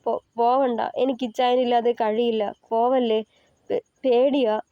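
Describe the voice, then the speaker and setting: A woman's voice: on the high side, flat delivery, measured pace, clean tone, no echo, dull audio, close to an everyday voice. A woman voicing a frightened young wife who pleads with stammering, tearful words, in an audio novel. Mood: tearful pleading.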